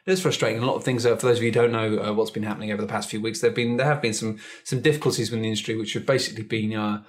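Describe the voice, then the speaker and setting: Male podcast host, thoughtful, halting, many restarts. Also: on the low side, fairly even intonation. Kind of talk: casual panel chat.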